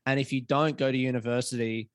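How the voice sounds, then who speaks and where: A man's voice: medium pitch, fairly even intonation, quick pace, no room sound, clean studio sound. A young Australian man, a comedian chatting as a podcast guest, laid-back and swearing casually.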